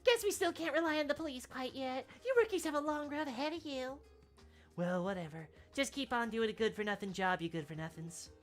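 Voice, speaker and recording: A woman's voice: high voice, animated, fairly quick, soft background music, voice pushed up. A woman voicing a rude, cocky veteran rival in game dialogue, brusque and condescending. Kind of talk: video game dialogue read aloud by a streamer.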